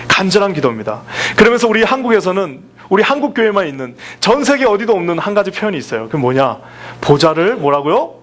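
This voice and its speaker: A man preaches from the pulpit with a fairly high, very animated voice. He asks the congregation questions and acts out the lines of the people he quotes. A faint hum sits under the recording. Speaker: pastor. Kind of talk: sermon.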